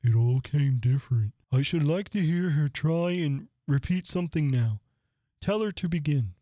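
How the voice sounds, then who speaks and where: A reader voicing a sorrowful old mock turtle in a storybook reading, speaking and singing in a slow, mournful, drawn-out way. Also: mid-range voice, animated, warm tone, no room sound, natural voice. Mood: gloomy.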